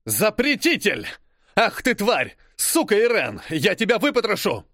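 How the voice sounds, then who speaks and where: A squealing, high-pitched British spy spits crude threats in a strong British accent, voiced by a man. The voice swings wildly and stays loud and raw. The sound is close and dry. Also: wildly swooping pitch, measured pace, dry recording, exaggerated voice. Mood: enraged. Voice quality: shrill, squealing. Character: shrill, vicious male British spy, panicking. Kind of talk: audiobook character voice.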